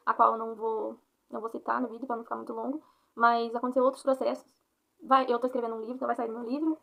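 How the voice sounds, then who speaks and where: A young Brazilian woman tells her faith story in a rapid, rambling, earnest flow on her own channel. Her voice sits high and carries a gravelly fry. The recording sounds dull and lo-fi. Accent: Brazilian Portuguese. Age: 20s. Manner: rambling, earnest, frequent tag questions. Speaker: vlogger. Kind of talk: personal faith testimony.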